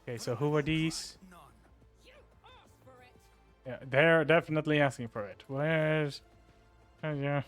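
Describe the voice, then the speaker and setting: A male streamer giving live gameplay commentary, joking at himself and breaking into swears and exclamations at the screen. His voice sits fairly high and he talks at an unhurried pace. Soft music plays faintly in the background. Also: fairly even intonation. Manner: self-mocking, swears and exclaims at the game.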